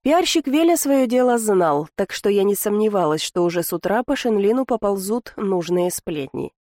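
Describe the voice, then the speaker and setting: A woman narrating a first-person audiobook in a wry, ironic tone, her voice in an even middle register. The sound is dry and close, with no room around it. She tells the story with lively, knowing asides. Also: mid-range voice, normal speed, no echo.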